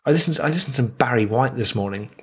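A man co-hosting a podcast in casual chat, telling jokey stories with animated asides. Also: medium pitch, fast, husky. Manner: jokey storytelling, animated impressions. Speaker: podcast co-host.

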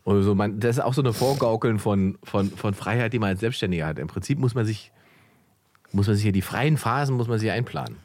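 A man's voice: fairly low pitch, fairly quick, dry recording. A man, a comedian and podcast host, chatting casually and telling stories with lots of laughter. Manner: animated storyteller, laughs a lot. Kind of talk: casual chat.

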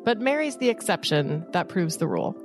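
A woman's voice: lowish voice, huge pitch swings, a little fast, faint music behind. A woman co-hosting a podcast, talking and reading aloud. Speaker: podcast co-host. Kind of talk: podcast conversation and poetry reading.

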